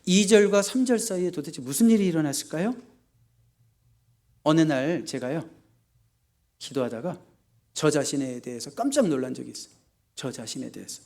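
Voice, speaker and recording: A male pastor delivers a Sunday sermon in a voice pitched a little higher than most men. He is animated and rhetorical, putting questions to his listeners, pushing loud on key points and dropping to quiet asides. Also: normal speed, pauses often. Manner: asks the congregation rhetorical questions. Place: church service.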